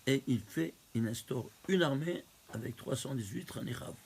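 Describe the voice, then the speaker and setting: A man's voice: mid-range voice, lively intonation, normal speed, creaky, a little mellow, breathy edge. A rabbi teaching a Torah class, counting out numbers step by step and putting questions to his listeners. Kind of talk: lively recorded Torah lesson.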